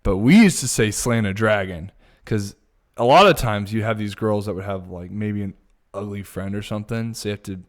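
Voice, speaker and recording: A man from the Bay Area with a Californian accent, chatting as a podcast guest in a relaxed, drawling surfer-like way. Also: on the low side, fairly quick. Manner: laid-back, drawling surfer-like delivery. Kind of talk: casual podcast chat.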